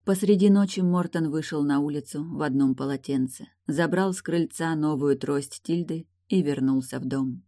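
Even audiobook narrator, dry close sound. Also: medium pitch, normal speed, hardly any pauses, dry recording. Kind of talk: scripted narration.

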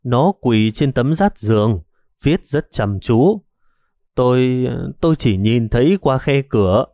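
A man's voice: medium pitch, expressive, unhurried, darkish tone, no echo, close to an everyday voice. A man voicing a frightened elderly mother who stammers and hesitates, in an audiobook story.

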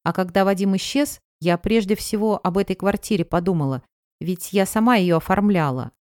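A woman's voice: medium pitch, fairly quick, a little mellow, dry recording, clean studio sound, close to an everyday voice. A woman voicing an anxious, self-justifying woman friend talking on the phone in an audiobook. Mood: defensive.

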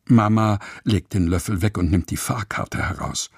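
Husky man reading a children's story. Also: lowish voice, normal speed, no echo, clean studio sound. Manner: expressive, playful storytelling. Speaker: narrator.

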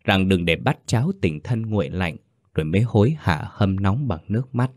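A man narrating a written story in a slow, solemn way. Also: low voice, lively intonation, no echo, studio quality. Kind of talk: scripted ghost-story narration.

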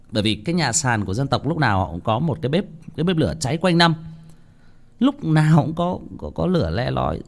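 Speaking directly to his listeners in a mid-range voice, a man tells a ghost story casually and ramblingly, full of restarts and repeated words.

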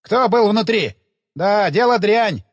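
An agitated, startled taxi driver, voiced by a male reader. He exclaims in a raised, husky voice. A long reverb hangs on each line. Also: high voice, takes it slowly, voice pushed up, full character voice. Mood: alarmed. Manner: excited, exclaiming.

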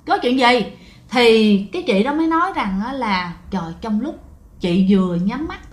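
A woman's voice: fairly high pitch, a bit bright, reverberant. A woman telling a ghost story in a casual, chatty way, addressing listeners directly.

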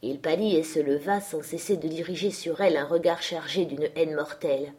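A woman narrates a classic novel aloud in a measured, even storytelling manner. Her voice is low and husky. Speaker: audiobook reader. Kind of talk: scripted narration.

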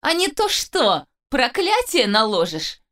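A woman's voice: wildly swooping pitch, slow pace, a bit bright, heavily acted. A woman voicing a smug, whiny young man in an audiobook, speaking in a sugary, sneering way. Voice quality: shrill, nasal whine. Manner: sugary, sneering, then wheedling. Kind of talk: audiobook narration.

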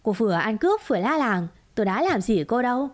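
A woman's voice: fairly high pitch, very animated, fast talker. A woman voicing a wronged, defiant young mother, speaking curtly and indignantly in a story. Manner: curt and indignant.

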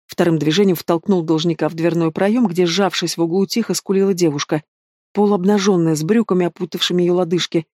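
An audiobook reader narrating a dark urban fantasy in a steady, measured way. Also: mid-range voice, dry recording, studio quality.

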